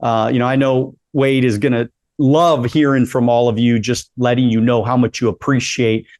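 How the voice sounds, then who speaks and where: A man's voice: mid-range voice, level tone, normal speed, a little mellow, dry recording. A man in his late forties hosting a casual interview, upbeat and encouraging, often repeating himself as he talks. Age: 40s. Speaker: podcast host.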